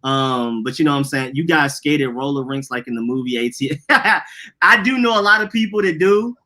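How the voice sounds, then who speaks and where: This podcast co-host is a young Atlanta man whose mid-range voice sounds bright and forceful at a moderate pace. He rambles through slangy, laid-back stories while chatting.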